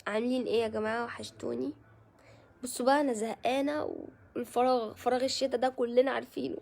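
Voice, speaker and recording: A woman's voice: on the high side, fairly even intonation, fast talker, creaky, a little mellow. An Egyptian woman hosting a casual live stream, chatting with viewers and greeting them by name. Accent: Egyptian Arabic.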